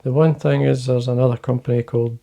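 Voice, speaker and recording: This fast-talking older Scottish fly-fishing host keeps his intonation fairly even as he speaks casually to camera from an indoor fly-tying desk. Low, quiet, gravelly and mellow, his voice rambles on with frequent fillers and restarts.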